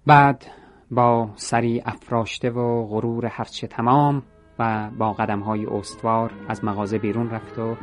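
A man narrating a story in a steady, measured reading voice. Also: medium pitch, faint music behind.

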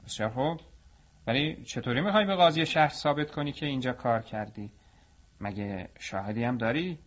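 A scheming, greedy master potter talks down to his worker with cool mockery, as a male storyteller voices him. The tone is calm and dismissive in this storybook tale. The recording has a muffled, lo-fi quality. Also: medium pitch, close to an everyday voice. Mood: scornful. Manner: cool and mocking. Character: greedy cunning master potter, older man.

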